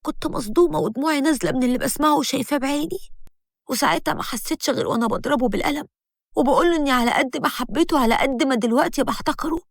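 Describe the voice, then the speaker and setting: A woman with an Egyptian accent narrating a first-person story in a brisk, dramatic way. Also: sits high, no room sound, studio quality. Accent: Egyptian Arabic.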